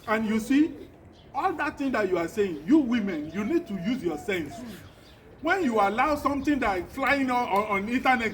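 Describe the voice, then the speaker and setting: A man's voice: high-pitched, a bit bright, a little hiss or hum. A man with a Nigerian Pidgin accent playing a neighbor who lectures the women preachily.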